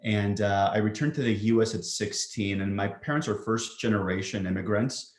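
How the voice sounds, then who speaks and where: A male psychiatrist answering interview questions thoughtfully, often pausing with ums and restarting sentences. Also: lowish voice, steady tone. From Greece. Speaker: psychiatrist guest. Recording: roomy echo.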